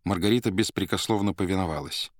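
A man narrating a novel as an audiobook, measured and unhurried. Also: low-pitched, dry recording, clean studio sound. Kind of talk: scripted literary narration.

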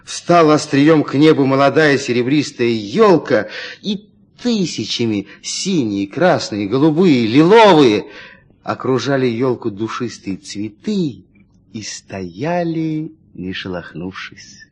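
Male narrator, husky tone, very animated story reading. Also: mid-range voice, slow. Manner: lively, dramatic storytelling with shifting emphasis.

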